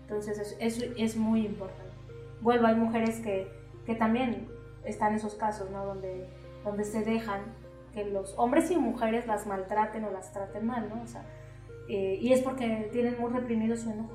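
Animated Mexican woman therapist, roomy room. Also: on the high side, moderate pace, soft background music. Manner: animated, acts out quoted voices, many fillers. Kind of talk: conversational explaining. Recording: roomy, distant mic.

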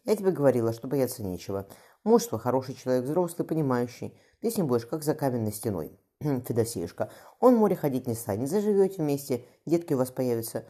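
A woman voicing a sharp-tongued but caring noble mother in her thirties who speaks wryly and teases dryly. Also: very deep voice, sing-song, quick pace, husky, exaggerated voice. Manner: wry, dryly teasing.

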